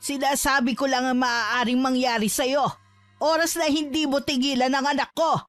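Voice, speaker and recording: A woman's voice: high-pitched, normal speed, fairly bright tone, no room sound, faint music behind. A woman voicing a fierce, protective middle-aged mother who scolds sharply. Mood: furious. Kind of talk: audio drama acting.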